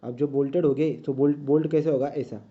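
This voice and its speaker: A man teaches drawing while he works, his fairly high voice steady and fairly quick, and he asks "right?" again and again. The audio has a dull, lo-fi quality.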